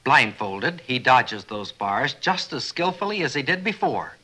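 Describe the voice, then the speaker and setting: This film narrator's mid-range voice is very animated yet unhurried, with a bright, forceful tone. He gives earnest, explanatory scripted documentary narration peppered with rhetorical questions, captured on a low-quality recording.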